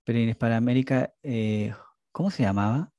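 A man's voice: medium pitch, moderate pace, dry recording. Joking Chilean man in a dry room. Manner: joking, tells stories with animated repetitions. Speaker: podcast co-host. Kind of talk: casual chat.

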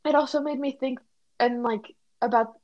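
A teenage girl co-hosting a podcast, talking in a thoughtful, halting way with lots of fillers. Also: high-pitched, steady tone, lo-fi sound, slight background noise. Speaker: podcast co-host. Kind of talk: casual reflective chat.

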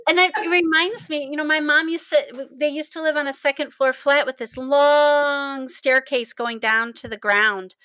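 A woman co-hosts a relaxed book discussion in a high, bright voice. She tells her stories with animation and laughs often. The sound is close and dry. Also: measured pace, few pauses, no room sound. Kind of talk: casual chat.

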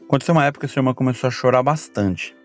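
A man in his thirties with a Brazilian accent, a father talking casually to his son in a recorded birthday message, full of slang and animated retellings. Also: medium pitch, rapid-fire. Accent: Brazilian Portuguese. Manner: slangy, rambling, animated when retelling stories. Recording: faint music behind.

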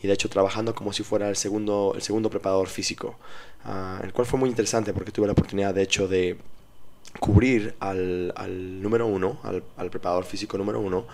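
A man with a Mexican accent, a strength coach from Mexico City, telling his career story calmly with many fillers, recorded in a hotel room. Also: on the low side, quick pace, a little hiss or hum. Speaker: guest, strength and conditioning coach. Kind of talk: casual podcast interview. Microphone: portable recording kit.

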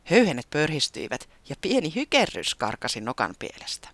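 Storybook narrator, animated and expressive, dry close sound. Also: mid-range voice, no room sound. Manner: lively, expressive read.

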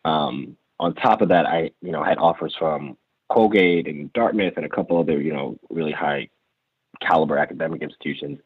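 Deep, husky man on a tinny line. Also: a little fast, no echo. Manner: reflective, many fillers and restarts. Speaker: interview guest, former college lacrosse player. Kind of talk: casual interview storytelling. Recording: tinny phone-line sound.

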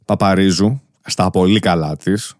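A man's voice: deep voice, no echo, studio quality. A man in his thirties hosting a podcast, chatting casually and teasing his guest, laughing often. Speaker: podcast host. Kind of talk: casual chat.

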